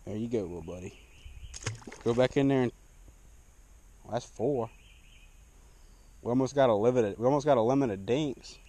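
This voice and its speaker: With a mid-range, dark voice at normal speed and frequent pauses, a young man narrates a fishing trip from a small boat on a lake. His banter is relaxed and self-deprecating, and the action camera mic adds a little hiss or hum.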